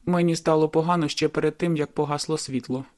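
A woman's voice: low-pitched, fairly even intonation, fast, a little mellow, pitched below the performer's own voice, lightly acted. A woman voicing a queasy, sullen teenage boy who grumbles in a subdued way, in an audiobook.

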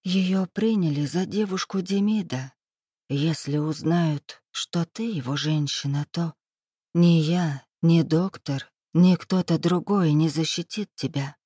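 A woman's voice: sits low, takes it slowly, warm tone, slightly rough, dry recording, studio quality, full character voice. Woman reading as a mocking, stern club owner. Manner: mocking, weary, coolly menacing. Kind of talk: audiobook dialogue reading.

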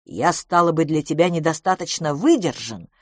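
A woman's voice: deep voice, animated, moderate pace, slightly rough, no room sound, clean studio sound. A woman voicing a brusque, jealous young suitor with a hot temper in an audiobook. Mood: indignant. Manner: brusque, challenging.

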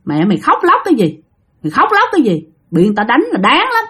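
A woman's voice: on the high side, wildly swooping pitch, fast talker, pushed and bright, heavily acted. A woman voicing a bold middle-aged uncle who scolds a crying ghost. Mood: scolding. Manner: gruff, scolding.

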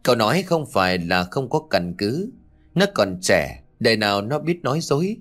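A man giving steady, scripted narration of a ghost-story audiobook. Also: lowish voice, normal speed, faint music behind.

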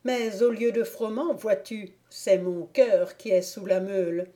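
A heartsick young miller's lad pleads in slow, unhurried lines, voiced by a woman reading an audiobook. His voice is warm and mellow, and he sighs over his sorrows. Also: mid-range voice, steady tone, close to an everyday voice. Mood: despairing. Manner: plaintive, impassioned pleading. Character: young lovesick miller's lad, sighing, despairing.

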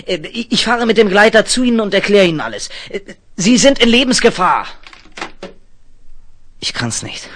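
A man's voice: sits high, lively intonation, moderate pace, fairly bright tone. An actor playing a panicked, desperate man caught up in a bomb plot, stammering and frantic, in a 1970s radio play. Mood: urgent, pleading. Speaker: Sherman Ravitch. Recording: faint hiss of an old vinyl record.

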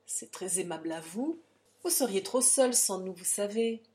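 A woman voicing a brash, bullying young man who shouts insults yet stands by his cousin. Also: medium pitch, moderate pace, natural voice. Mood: mocking. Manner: shouting insults, rough and mocking.

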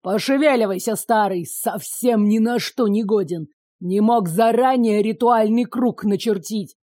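A woman reading an audiobook, voicing a cruel, power-hungry male dark sorcerer who speaks slowly and mockingly. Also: medium pitch, no echo, clean studio sound, close to an everyday voice. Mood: scornful. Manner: slow, gloating, mocking.

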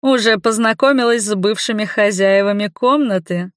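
A capricious teenage vampire boy, mocking and teasing in a mid-pitched voice, as a woman reads him in an audiobook. The sound is dry and close, with no room around it. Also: normal speed, a bit bright, no room sound, close to an everyday voice. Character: mocking teenage male vampire behind a door.

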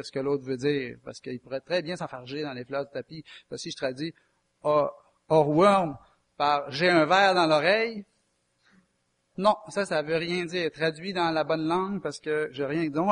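This man's voice is a little high and somewhat bright. Hailing from Quebec with a Québécois French accent, he preaches in a chatty, folksy way and puts questions to his listeners.

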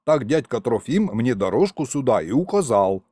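A man voicing a courteous male house spirit with slow, archaic speech. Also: mid-range voice, big pitch swings, dark tone, slightly rough, dry recording, clean studio sound.

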